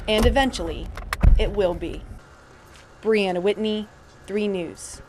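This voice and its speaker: American woman reporting news, clearly noisy background. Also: mid-range voice, measured pace, a little mellow. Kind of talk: scripted news narration.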